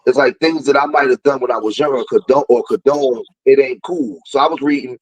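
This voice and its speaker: A man in his forties talks over a phone line. His voice is husky and mid-pitched. He lectures with rising conviction. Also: brisk. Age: 40s. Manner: preachy, grows heated and louder. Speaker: guest. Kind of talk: casual talk on a livestream.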